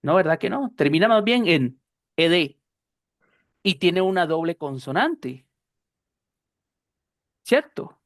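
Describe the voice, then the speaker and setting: A woman teaching a class, explaining slowly and patiently, often repeating herself and checking that her students follow. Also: on the low side, no echo, studio quality. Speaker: English teacher.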